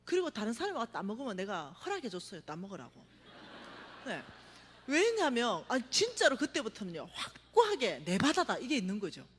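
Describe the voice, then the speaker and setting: A middle-aged woman giving a testimony sermon at a revival meeting, telling her story with vivid acted-out cries and sudden hushed asides. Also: fairly high pitch, brisk, breathy edge. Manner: animated storytelling, acts out her own cries, drops to a hush for emphasis. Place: church sanctuary. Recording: reverberant church hall.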